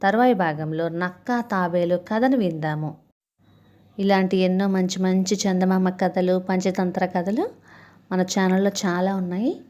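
A woman narrating a children's fable in a clear, even read-aloud manner. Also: lowish voice, a little slow. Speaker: storyteller. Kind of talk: scripted storybook narration.

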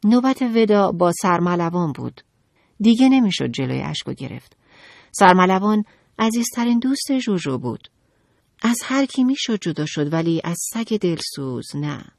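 A woman narrating a children's audiobook in an expressive, dramatic storytelling manner. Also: fairly low pitch, vocal fry, no room sound, clean studio sound.

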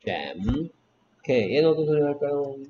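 A man's voice: on the high side, big pitch swings, normal speed. A man teaching English phonics one-on-one, patiently modeling each sound and encouraging his student. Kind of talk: one-on-one online phonics lesson. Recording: dull lo-fi recording with faint background noise.

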